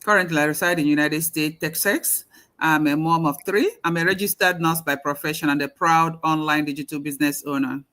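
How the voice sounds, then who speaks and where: A woman from Nigeria with a deep, low voice introduces herself on a live show. She talks in a relaxed, easygoing way, quick to laugh. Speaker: registered nurse and guest co-host. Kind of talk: casual self-introduction.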